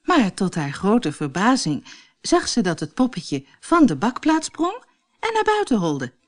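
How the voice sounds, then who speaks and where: Expressive woman reading a storybook. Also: on the high side, a little slow. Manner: expressive, clear read-aloud storytelling. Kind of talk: storybook narration.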